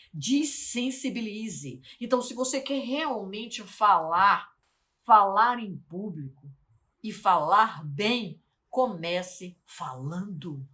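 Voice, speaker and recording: A woman, a life mentor teaching to camera, speaking slowly and articulating carefully, often asking the viewer questions. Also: medium pitch, fairly bright tone. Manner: deliberate, slowed, carefully articulated delivery.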